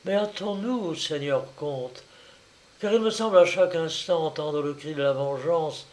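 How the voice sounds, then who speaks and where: A man reading a frightened young princess and mother who pleads anxiously, in a higher voice, as an audiobook character. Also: fairly even intonation, a little slow, creaky, a little mellow. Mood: pleading.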